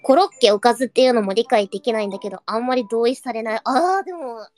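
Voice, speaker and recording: A woman live streamer chats casually, reading viewer comments and reacting with quick surprised asides. She speaks standard Japanese with the occasional Kansai slip, her voice on the high side with a darkish tone, and faint music plays behind her.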